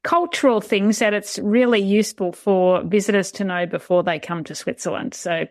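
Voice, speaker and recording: A woman's voice: mid-range voice, normal speed, darkish tone, dry recording, studio quality. A woman hosting a travel podcast, reading a scripted intro and then chatting politely and encouragingly with her guest. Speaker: podcast host.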